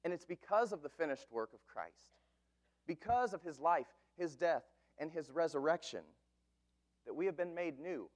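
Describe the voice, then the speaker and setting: A man in his thirties, a pastor, preaching an earnest sermon with slow, emphatic phrases. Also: fairly high pitch, lively intonation.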